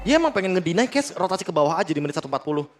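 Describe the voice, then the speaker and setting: Quick-talking male esports analyst. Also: high voice, big pitch swings, over music. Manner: explanatory, tactical breakdowns.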